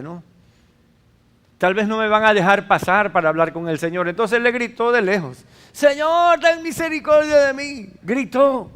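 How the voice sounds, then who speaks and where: A male pastor delivers a sermon in a fairly high voice. He preaches emphatically and keeps asking the congregation rhetorical questions. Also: fairly bright tone.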